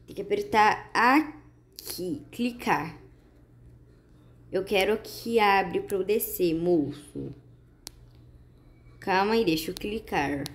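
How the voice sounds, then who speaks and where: A woman with a Brazilian Portuguese accent giving chatty, excited gameplay commentary to her viewers. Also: medium pitch, takes it slowly, long pauses. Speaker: gaming YouTuber.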